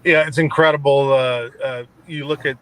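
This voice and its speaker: A man's voice: mid-range voice, fairly even intonation, normal speed, fairly bright tone, poor audio. A man co-hosting a casual sports talk show, rambling conversationally with frequent restarts.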